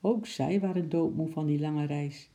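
A woman reading a children's story aloud in a calm, expressive storytelling voice. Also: low-pitched, normal speed.

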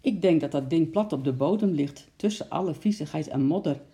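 A storyteller voicing a calm, grumbling older zookeeper who talks practically. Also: medium pitch, brisk, lightly acted.

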